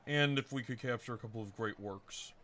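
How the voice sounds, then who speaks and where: A man's voice: mid-range voice, fairly quick, fairly bright tone, a little hiss or hum. A man hosting a let's-play video, casually thinking aloud and correcting himself as he plans his moves. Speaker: game commentator.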